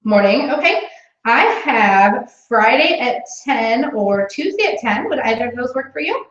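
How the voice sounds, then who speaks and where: A bubbly, high-pitched saleswoman rings up a prize winner, all sparkle and eagerness, as a woman demonstrates it. Her bright pitch bounces around an echoey room, and the sound is slightly dull. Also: lively intonation, measured pace, recorded from a distance. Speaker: sales consultant on a demo phone call.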